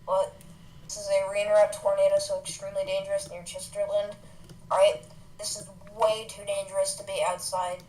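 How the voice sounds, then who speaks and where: A woman's voice: mid-range voice, little pitch movement, moderate pace, a little mellow. A woman co-hosting live weather commentary over a remote connection. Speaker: storm livestream co-host. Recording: roomy, noisy, patchy remote connection. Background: thunderstorm background noise.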